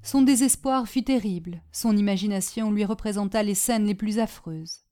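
Woman reading a story aloud. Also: medium pitch. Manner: measured, even narration. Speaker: narrator.

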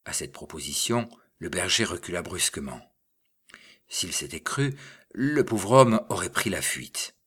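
A man narrating a story aloud in a measured, expressive reading. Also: deep voice, slightly rough. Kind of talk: audiobook reading.

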